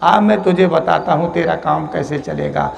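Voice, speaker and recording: A preacher playing an old male holy man who scolds a merchant and then calmly gives him instruction. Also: a little high, normal speed, creaky, a little hiss or hum. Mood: instructing.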